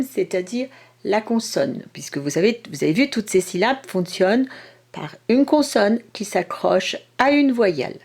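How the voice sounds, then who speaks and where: Slow, lively-voiced teacher woman. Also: a little high. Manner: slow, deliberate, stretching out syllables and sounds. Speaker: kindergarten teacher. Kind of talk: instructional video for parents.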